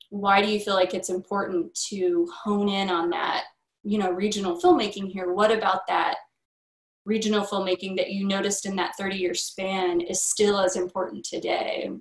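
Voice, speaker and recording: A young woman hosting a museum livestream, working her way through long, conversational questions over a video call from an indoor room. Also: medium pitch. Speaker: museum host and interviewer. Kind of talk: livestream interview. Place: indoor room with a plain wall. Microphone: webcam on a video call. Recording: roomy video-call audio.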